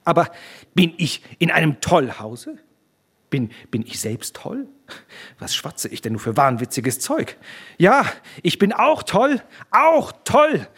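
Pompous old schoolmaster, shrill and spluttering; male reader puts him on, husky edge. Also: sing-song, measured pace, fairly bright tone, full character voice. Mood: raving.

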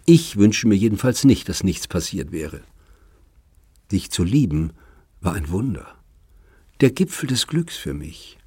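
Brief: male reader doing an earnest, lovesick older man in an audiobook; low, husky, half-whispered lines. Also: very animated, a little slow, pauses often, mellow, dry recording, studio quality, heavily acted.

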